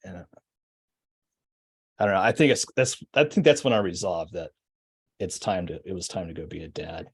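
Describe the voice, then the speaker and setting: A man in his forties, a guest on a podcast, reflecting on his past in casual conversation. His voice is rather low and husky. He pauses, restarts and fills gaps as he thinks aloud. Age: 40s. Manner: reflective, hesitant, many fillers. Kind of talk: casual storytelling.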